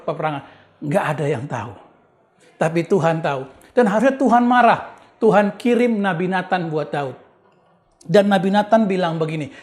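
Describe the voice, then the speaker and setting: A male pastor preaching at an online youth service, telling stories in a lively, casual way. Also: high-pitched. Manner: lively storytelling preacher, casual slang mixed with English words.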